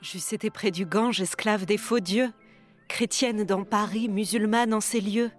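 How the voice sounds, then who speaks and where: A woman playing a young enslaved heroine in love, reciting classical tragedy verse softly and intimately, right up close to the ear. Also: mid-range voice, steady tone, measured pace, voice pushed up, close to an everyday voice. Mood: tender, wistful. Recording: binaural, music underneath.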